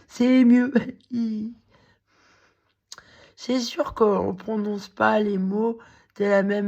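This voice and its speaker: A woman with a cracked, hoarse voice, rambling in a halting monologue to the camera, full of fillers and restarts. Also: mid-range voice, darkish tone. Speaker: vlogger.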